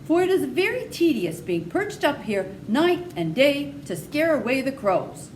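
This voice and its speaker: Storybook scarecrow played by a woman: male figure, earnest and courteous, high lilting delivery, faint hiss of noise behind. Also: sing-song, unhurried. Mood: politely weary. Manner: courteous, exclaiming, confiding. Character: friendly brainless stuffed scarecrow, male, politely earnest.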